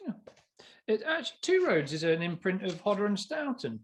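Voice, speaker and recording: A man co-hosting a podcast chats casually, rambling with stammered restarts and frequent laughter. Hay fever makes him sound stuffy and nasal, and his high-pitched, sing-song voice runs a little fast.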